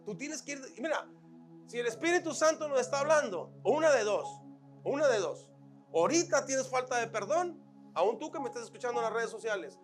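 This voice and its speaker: A man preaching as pastor, counting his points and repeating phrases, now loud and emphatic, now soft and quiet. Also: extremely high pitch. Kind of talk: sermon.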